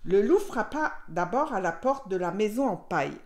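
Lively woman reading a children's story. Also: medium pitch, moderate pace, a little hiss or hum. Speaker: teacher reading aloud.

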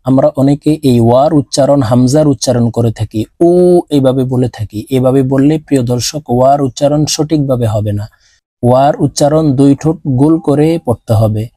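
A man teaching Quran reading step by step, drawing out each letter sound in slow drills. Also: mid-range voice, dark tone, dry recording. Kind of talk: step-by-step recitation lesson.

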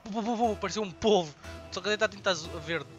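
A young man with a European Portuguese accent commenting on his gameplay, swearing and shouting at the game. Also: sits high, fast talker, music in the background. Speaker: gaming YouTuber.

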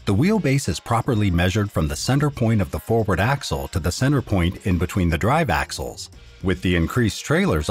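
A man reading a scripted voice-over narration in a steady, informative explainer manner. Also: on the low side.

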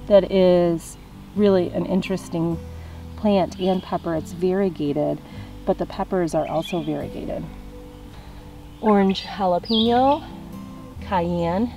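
Walking casually through her backyard vegetable garden, a young gardening vlogger chats while pointing out plants to a handheld camera. Her voice is on the low side with a dark tone.

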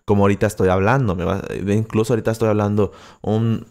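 Fast and steady, this young man's voice runs on the low side and sounds a little mellow. He hosts a livestream from Acapulco, answering chat close to the mic in a coastal Guerrero Mexican accent, casual and full of fillers and restarts.

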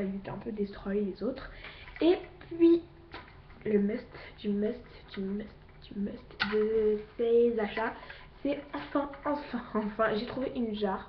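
A teenage girl with a fairly high voice runs through her haul in a gushing, chatty way, piling on fillers and repeating her favorite words. She sounds a little out of breath. The sound is roomy and dull, with a faint hiss. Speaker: beauty vlogger. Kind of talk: casual haul video chat.

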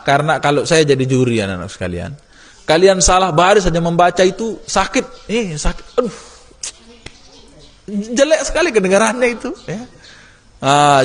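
A male religious teacher giving a lively classroom lesson, teasing and urging his students on. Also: sits high. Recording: long hall reverb.

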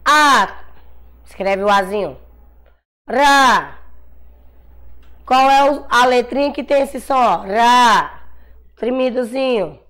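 A Brazilian woman teaching a class of young children, sounding out syllables slowly and patiently, calling herself auntie and praising often. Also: on the high side, expressive, fairly bright tone. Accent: Brazilian Portuguese. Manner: calls herself "tia", encouraging praise. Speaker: primary school teacher. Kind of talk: slow dictation-style class for young children.

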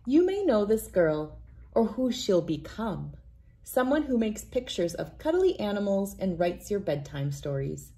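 A woman in her thirties, hosting a read-aloud, reads a children's picture book in a deliberate, expressive storytelling style. Her voice is medium-pitched, and she's indoors in a wood-panelled room with large windows.

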